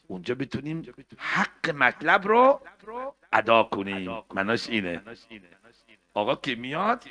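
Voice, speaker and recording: A man preaching an emotional mourning sermon, moving between hushed, tender passages and loud, chanted lament. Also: mid-range voice.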